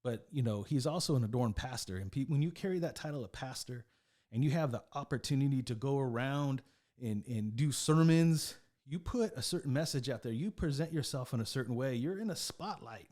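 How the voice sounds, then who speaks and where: A man in the middle of his pitch range talks through a sports news commentary, casual and unscripted. He circles back on his points, repeats phrases and keeps checking in with the listener. The delivery is loose and conversational. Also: animated, brisk, a little mellow. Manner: conversational, repeats himself, keeps asking "right?".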